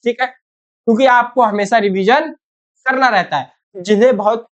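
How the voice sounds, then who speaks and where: A woman whose voice is a little high speaks at a moderate pace over lo-fi sound. She's giving ninth graders an online Hindi spelling lesson, peppering them with questions, repeating "theek hai," and calling them "beta."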